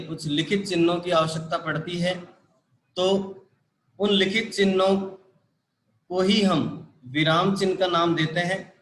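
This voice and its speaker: A man's voice: a little high, a bit bright, reverberant. A man teaching a live online grammar class, explaining patiently and repeating key points with frequent check-ins. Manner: repetitive, patient explaining with frequent "ठीक है" and "देखो".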